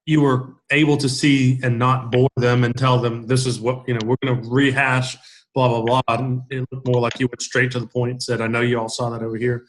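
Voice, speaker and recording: A man's voice: mid-range voice, little pitch movement, fairly quick. A man giving casual, encouraging peer feedback on a video call, rambling with many restarts. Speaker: peer reviewer.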